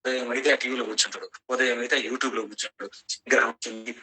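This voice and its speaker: Bright-voiced man preaching emphatically. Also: medium pitch, steady tone, quick pace, slight background noise, poor audio. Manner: emphatic, rhetorical questions to listeners. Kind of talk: sermon in an online class.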